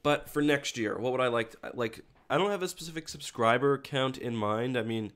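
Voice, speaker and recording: A man with a cold, his voice congested and sniffly, is a video creator chatting loosely with his livestream audience. The voice is medium-pitched, fairly bright and fairly quick, and he rambles in a stop-start way, correcting himself as he goes.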